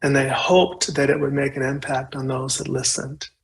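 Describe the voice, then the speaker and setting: Earnest man with a gravelly voice. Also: medium pitch, level tone, moderate pace, poor audio. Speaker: conference presenter. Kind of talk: reflective presentation.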